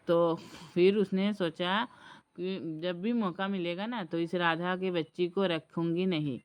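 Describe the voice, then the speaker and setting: A woman's voice: on the low side, fairly even intonation, a little slow, clear, resonant tone. Hesitant woman telling a folk story. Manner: hesitant, with many fillers and restarts. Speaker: storyteller vlogger. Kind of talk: casual oral storytelling.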